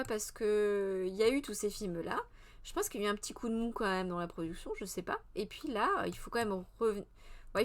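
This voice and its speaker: Chatty woman rambling through a live review. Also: mid-range voice. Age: 30s. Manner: chatty and meandering, with many hesitations and self-corrections; answers the live chat as she goes. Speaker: streamer hosting a culture press review. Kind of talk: casual live press review.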